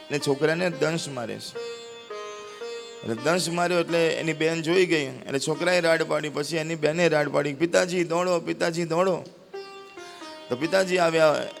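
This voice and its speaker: Gujarati male preacher, gravelly voice, dramatic story sermon in a big echoing hall. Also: a little high. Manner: acts out characters' cries and pleas with rising intensity. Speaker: spiritual storyteller. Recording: long hall reverb with faint sitar music.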